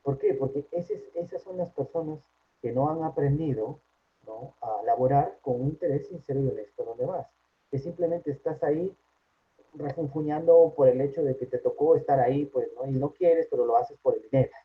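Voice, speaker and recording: A man with a Peruvian Spanish accent, a psychologist giving an informal workplace talk in a chatty way, often checking in with a quick question tag. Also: mid-range voice, breathy edge. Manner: conversational, frequent tag questions. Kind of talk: informal lecture. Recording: tinny phone-like line.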